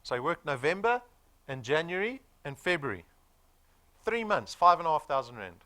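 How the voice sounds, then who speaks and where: A very animated South African man, forty years old, gives a motivational business presentation at normal speed as a sales presenter. His voice is a little high with a bright, forceful tone, and he's emphatic and persuasive, using rhetorical questions.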